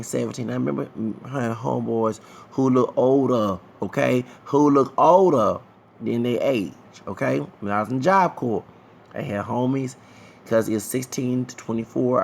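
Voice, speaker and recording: In this casual vlog, a Texan man in his thirties wanders from point to point and circles back to the same things while addressing his audience. He talks at medium pitch with vocal fry, and there is slight background noise.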